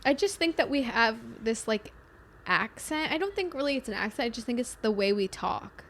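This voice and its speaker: A woman's voice: a little high, moderate pace, a little hiss or hum. A young woman co-hosting a podcast in casual, chatty talk full of fillers. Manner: chatty, filler-heavy, lively. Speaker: podcast co-host. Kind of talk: casual chat.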